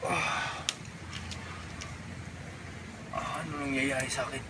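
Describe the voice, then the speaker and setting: A man playing a naive, excitable would-be superhero in a comedy skit, thinking aloud in melodramatic exclamations. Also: medium pitch, slow pace, natural voice. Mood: startled, pained. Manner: exclamatory, melodramatic self-talk with villain-like laughing. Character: excitable naive man turning superhero after a chicken peck. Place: outdoors. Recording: noisy outdoor recording with vehicle sounds.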